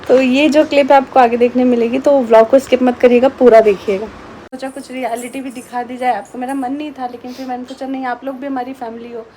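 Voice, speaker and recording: A woman's voice: high-pitched, steady tone, brisk, a little mellow, slight background noise. A young woman chatting casually to her vlog viewers and reassuring her mother-in-law. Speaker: vlogger. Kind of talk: casual family vlog talk.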